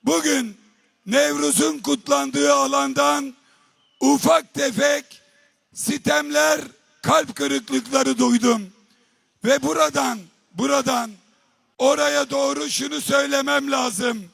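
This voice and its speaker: Gravelly man shouting at a podium mic. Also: very high voice, steady tone, dry recording, faint music behind. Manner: slow, emphatic shouted oratory. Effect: speaking into a podium microphone at a rally. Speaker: politician addressing a rally. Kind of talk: rally speech. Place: open public square. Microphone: podium microphone.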